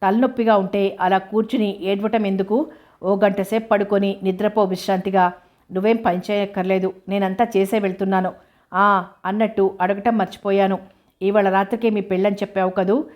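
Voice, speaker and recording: A woman reading a novel aloud, voicing a worried mother who pleads and scolds in a flat, even tone. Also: medium pitch, a little fast, natural voice. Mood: anxious pleading. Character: worried widowed mother, anxious, fussing.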